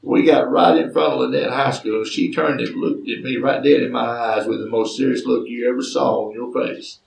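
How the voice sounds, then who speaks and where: A man's voice: mid-range voice, fairly even intonation, normal speed, creaky. A man from Alabama with a Southern accent telling a folksy family story with drawling asides. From Chambers County, Alabama, US. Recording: roomy, distant from mic.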